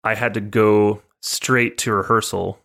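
A man's voice: on the low side, level tone, measured pace, gravelly, a bit bright. A man co-hosting a podcast, chatting casually and telling a travel story, acting out the other people in it. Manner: storytelling, acts out voices of others. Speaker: podcast co-host. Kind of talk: casual chat.

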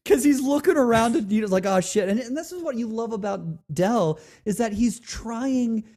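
A man co-hosting a casual movie discussion, animated, laughing often and swearing freely. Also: very high-pitched, moderate pace.

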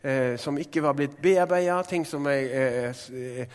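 A man preaching a sermon in a relaxed, conversational way, with filler words, who now and then rises to loud proclamations. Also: mid-range voice, clean tone, big-room sound.

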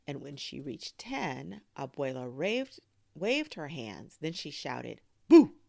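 A woman hosting a storytime, reading a children's book aloud in an expressive, animated way. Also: low-pitched, takes it slowly, vocal fry, no room sound. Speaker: storyteller host.

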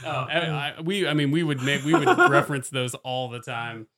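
A man's voice: fairly high pitch, normal speed. A man co-hosting a casual gaming podcast, talking eagerly and often repeating words as he gets going. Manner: enthusiastic, repeats words when excited. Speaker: podcast co-host. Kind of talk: casual chat.

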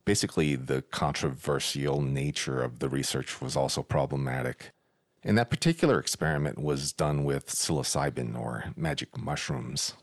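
A man with a very deep voice explains history on a podcast in a relaxed, informative manner. The recording is dry and close, with no room sound. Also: moderate pace, no room sound. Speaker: podcast co-host. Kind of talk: casual explanatory chat.

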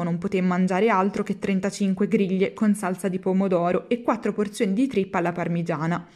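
A woman reading a children's classic aloud, in a measured, expressive narrating voice. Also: medium pitch. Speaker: storyteller.

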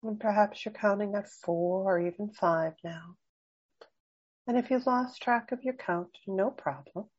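A woman guiding a slow breathing meditation, speaking softly and soothingly with long pauses. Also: medium pitch, slightly rough, lo-fi sound. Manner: slow, soft, soothing and unhurried. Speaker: meditation guide.

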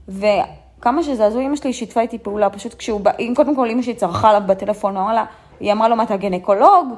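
A young woman telling a personal story in the first person, halting and soft-spoken, with many fillers and restarts that often trail off. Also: a little high. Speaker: guest sharing a personal story.

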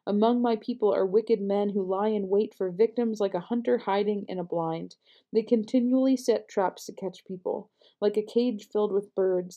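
A woman reading scripture aloud in a measured, earnest way, with the odd small slip. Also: medium pitch, mellow. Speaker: scripture reader.

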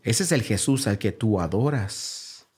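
A man preaching a sermon as pastor. He drives his points home with repeated rhetorical questions, dropping low and quiet, then rising to a raised, urgent appeal. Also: animated, a little slow, breathy edge. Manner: swings between low, quiet phrases and raised, higher exhortation.

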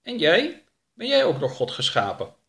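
Storybook duck, sulky, sarcastic, indignant, voiced by a man, very high voice. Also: huge pitch swings, normal speed, fairly bright tone, full character voice. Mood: curious. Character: talking duck, touchy and sulky.

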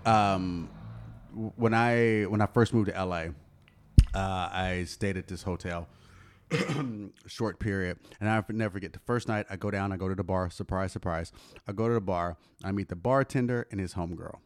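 A middle-aged man co-hosting a podcast, telling stories in a loose, animated way, swearing and acting out other people's voices. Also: sits low, moderate pace. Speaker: podcast co-host. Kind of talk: casual chat, storytelling.

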